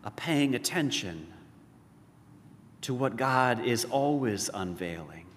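A man preaching a sermon as pastor, slow and deliberate, swelling to emphatic peaks and dropping to hushed lows. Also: expressive, slight background noise. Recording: reverberant hall.

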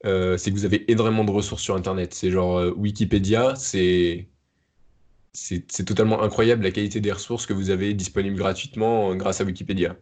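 A young man co-hosting a casual chat, explaining things in a measured way. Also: sits low, fairly even intonation, darkish tone. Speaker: podcast co-host.

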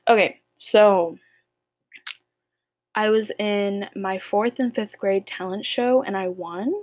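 A woman's voice: medium pitch, steady tone, takes it slowly, a little mellow, no echo. A young woman co-hosting a casual podcast, playful and teasing with slangy banter. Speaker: podcast co-host. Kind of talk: casual chat game with a friend.

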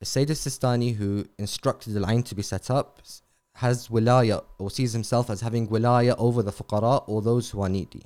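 A man being interviewed as a charity representative, explaining in a measured way and sometimes drifting off on tangents. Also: mid-range voice, steady tone, darkish tone. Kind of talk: conversational interview.

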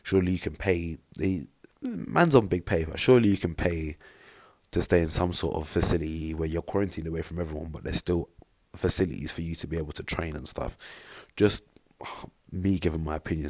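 A man's voice: sits low, a little fast, a little mellow, no echo. A man talking casually straight to camera, rambling with many fillers as he gives his opinion in a vlog. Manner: rambling, filler-heavy, conversational. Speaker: vlogger.

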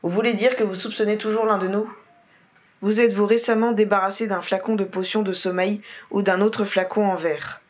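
Woman reading a calm male investigator. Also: medium pitch, lightly acted. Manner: measured, calm. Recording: roomy, dull lo-fi.

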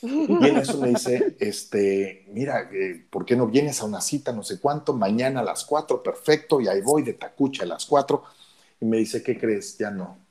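Very animated, a man with a deep voice and a Mexican Spanish accent, who works as a radio announcer, shares his story casually and acts out the dialogue. He keeps a moderate pace with a dark tone.

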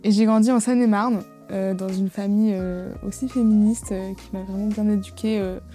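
A woman's voice: mid-range voice, fairly even intonation, moderate pace, dark tone, soft background music. A young woman theatre student introducing herself hesitantly, with many fillers. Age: young adult. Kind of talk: group discussion.

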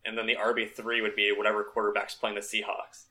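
A man's voice: lowish voice, monotone, fast talker, pushed and bright. A young man co-hosting a casual fantasy football podcast, wry and easygoing. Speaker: podcast co-host.

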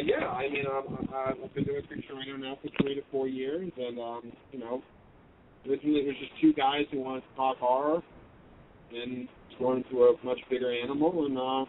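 Male guest co-host, mid-pitched, heard over a clipped, tinny phone line with light hiss. Halting, casual delivery. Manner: halting, with many fillers and restarts. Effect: clipped phone line that breaks up. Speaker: guest co-host, horror radio show host. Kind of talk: casual chat.

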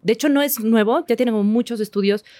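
A woman, a psychiatrist guest, explaining in a measured, informative way. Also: a little high, warm tone, dry recording, studio quality. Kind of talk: explanatory interview answers.

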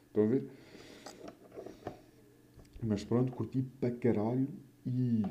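A man's voice: medium pitch, steady tone, a little slow, dark tone, muffled recording, slight background noise. A young man with a European Portuguese accent chatting casually and alone as a host, rambling through anecdotes with slang and swearing, his mouth a bit swollen after wisdom tooth removal. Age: young adult. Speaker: podcast or vlog host.

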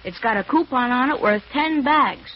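A woman's voice: high-pitched, expressive, moderate pace. A woman voicing an eager, chirpy all-American boy in an old radio commercial, gee-whiz and peppy. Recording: muffled, hissy old radio broadcast.

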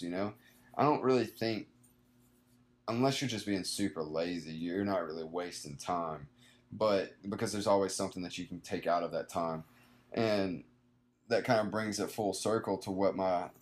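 A man in his twenties, a young small business owner, giving earnest, rambling advice in a casual conversation, full of fillers and restarts. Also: deep voice. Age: 20s.

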